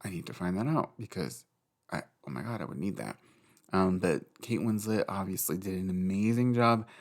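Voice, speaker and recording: A man's voice: low voice, normal speed. A young man hosting a casual solo podcast, rambling and giggly, swearing freely. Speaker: podcast host.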